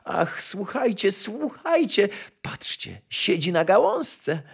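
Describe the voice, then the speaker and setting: A man's voice: very animated, unhurried. A man doing an eager little kitchen girl. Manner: high, eager and breathless.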